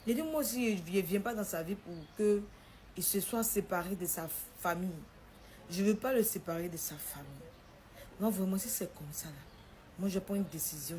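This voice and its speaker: Young woman telling her own story, animated, acts out what people said. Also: lowish voice, a little hiss or hum. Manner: lively retelling, acting out quotes. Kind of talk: personal storytelling.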